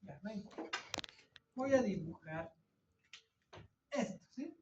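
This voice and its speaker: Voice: mid-range voice, expressive, slow pace, far from the mic, background noise. An anatomy teacher lecturing a class, quizzing students and answering the questions themselves while drawing at the board. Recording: echoey classroom recorded from afar, dull lo-fi.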